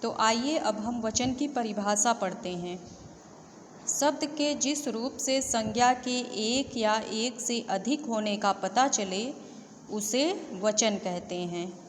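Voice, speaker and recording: A woman teaches children an online grammar lesson, slowly and patiently, working through one example after another. Her voice sits a little high. The recording has a lingering room reverb and faint background noise. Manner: slow, patient explaining with repeated examples. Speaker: Hindi teacher.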